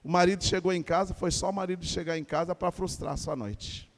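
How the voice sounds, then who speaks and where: A man's voice: high voice, a little fast, in a large hall, slight background noise. A Brazilian man preaching a sermon to his congregation, asking them questions and urging them to answer back. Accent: Brazilian Portuguese. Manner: animated preaching with call-and-response to congregation. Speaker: pastor. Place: church.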